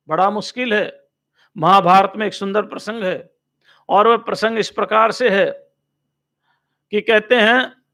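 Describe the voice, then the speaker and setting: A swami giving a slow, measured religious discourse, chanting Sanskrit verses and explaining each one. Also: male voice, very high-pitched, sharp tone.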